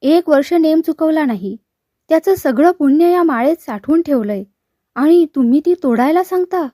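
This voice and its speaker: A woman's voice: sits high, animated, moderate pace, warm tone, dry recording, studio quality. A woman voicing a devout middle-aged man, earnest and pleading, in a storybook reading.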